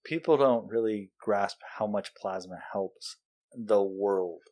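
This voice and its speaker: Low-voiced joking male podcast host. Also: takes it slowly, dark tone. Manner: playful, joking. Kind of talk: casual chat.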